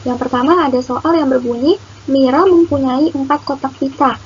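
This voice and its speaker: A woman's voice: sits high, moderate pace. A young woman narrating a children's lesson as a teacher, in a sing-song way as if reading to a toddler. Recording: muffled lo-fi recording, faint noise.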